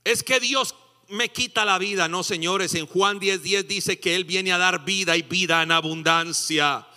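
Ringing-voiced preacher in a big hall. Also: male voice, high voice, a little slow. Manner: swings from loud singing exclamations to hushed asides, acts out quotes. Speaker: pastor. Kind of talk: sermon. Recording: long hall reverb.

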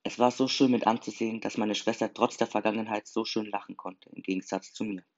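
Guy reading a first person story, low voice, earnest, kinda muffled lo-fi audio. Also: steady tone, brisk. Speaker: story reader. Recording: slightly dull lo-fi recording.

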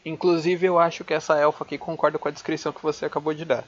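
A man's voice: a little high, flat delivery, rapid-fire, no room sound. A man with a Brazilian accent, playing a tabletop role-playing game in a casual, polite and slightly hesitant way. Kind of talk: casual in-character role-play. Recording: dull, lo-fi voice recording.

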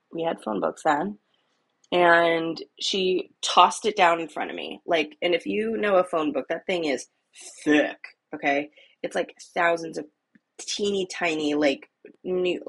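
A woman's voice: on the low side, vocal fry, husky. A woman in her thirties telling a casual, rambling story while out on a walk, full of "like" and "um". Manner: rambling, filler-heavy, conversational. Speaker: vlogger. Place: outdoors on a walk.

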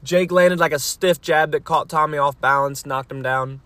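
A man with a slightly high voice hosts a loose, rambling solo podcast in an informal way. He talks into a phone in a parked car, so the sound is close and dry, with rain on the car. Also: steady tone, moderate pace, a bit bright, no room sound. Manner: rambling, informal, mildly profane. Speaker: podcast host. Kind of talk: casual solo podcast chat. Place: inside a parked car on a rainy day. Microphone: phone microphone. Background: rain hitting the car roof.

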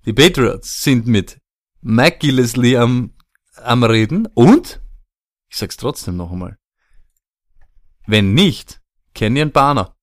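A man's voice: medium pitch, lively intonation, slow pace, long pauses. A man co-hosting a casual fantasy football podcast, rambling and laughing easily. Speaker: podcast co-host.

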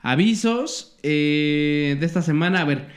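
A man's voice: a little high, expressive, measured pace. A young Mexican man co-hosting a show, teasing his partner with crude insults. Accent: Mexican Spanish. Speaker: podcast co-host. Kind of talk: crude casual banter.

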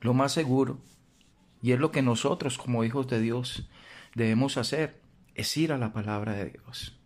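Earnest male preacher, slow stresses. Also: mid-range voice. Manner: earnest, slows down and stresses key words; addresses the listener directly with questions. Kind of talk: devotional sermon.

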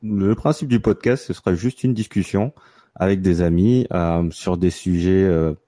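A man hosts a casual podcast. His voice sits low and mellow, and the sound is close and dry. He talks in a relaxed way, hesitating and restarting often. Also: no room sound. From France, near Marseille. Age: 30s. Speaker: podcast host.

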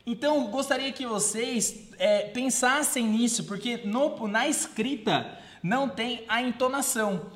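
A man's voice: very high-pitched, measured pace. Chatty man telling stories in a roomy space. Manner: storytelling, animated voice shifts when quoting. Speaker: podcast co-host. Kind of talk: casual podcast chat. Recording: roomy echo.

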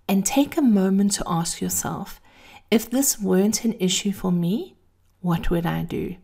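A woman hosting a scripted motivational monologue in a theatrical, deliberate manner, addressing listeners as darlings. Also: mid-range voice, gravelly, mellow. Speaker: host of a daily encouragement series.

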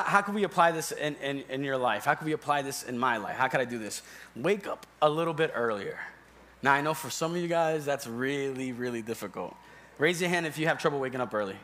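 A man's voice: mid-range voice, fairly bright tone, slight background noise. A young man preaching as a church elder in a church, conversational and joking, calling on his congregation. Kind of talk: sermon. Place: church sanctuary.

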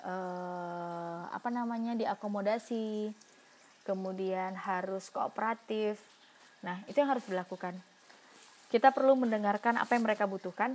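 A woman's voice: medium pitch, darkish tone. A woman giving a university lecture in an explanatory way, asking herself questions and answering them, with frequent fillers.

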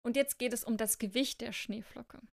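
Young female co-host, relaxed chatty delivery, reads storybook lightly. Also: on the high side, normal speed, gravelly. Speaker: podcast co-host. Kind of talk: casual chat and storybook reading.

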